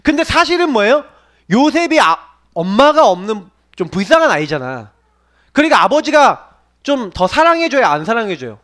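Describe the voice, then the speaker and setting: A man's voice: extremely high pitch, very animated, normal speed, fairly bright tone. A man preaching a sermon to young people, asking the listeners question after question and acting out quoted lines. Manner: asks the audience many questions, acts out quoted voices. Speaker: pastor preaching to youth.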